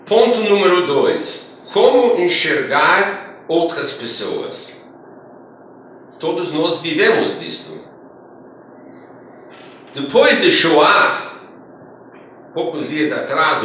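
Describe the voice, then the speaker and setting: Male rabbi, high bright voice, slow measured lecture, recorded in a very echoey hall with faint room noise. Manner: storytelling, rising emphatic phrases then trailing off quietly. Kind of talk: religious lecture.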